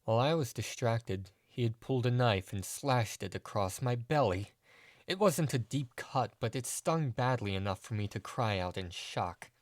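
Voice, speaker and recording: A man narrating a dark first-person audio story in a measured, deadpan way. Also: medium pitch, no room sound, studio quality.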